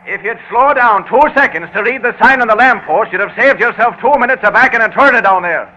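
Bright-voiced Irish 1930s beat cop. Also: male voice, sits high, expressive, brisk, a little hiss or hum, heavily acted. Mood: grumbling. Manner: folksy, talkative. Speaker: beat policeman. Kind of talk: 1930s-style radio drama acting. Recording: dull old radio recording.

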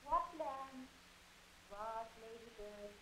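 Declaiming noblewoman. High and slow, with echo. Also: background noise. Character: stately noblewoman calling for her daughter. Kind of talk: stage acting within a radio drama. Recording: echoey and distant old radio recording.

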